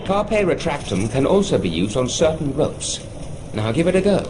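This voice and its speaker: Professor Lupin, an animated wizard teacher. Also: male voice, fairly high pitch, very noisy. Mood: instructive. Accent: British. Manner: instructive, measured, encouraging. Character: kindly, encouraging male wizard professor. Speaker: teacher guiding the player. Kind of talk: video game tutorial acting. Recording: loud game music behind voice.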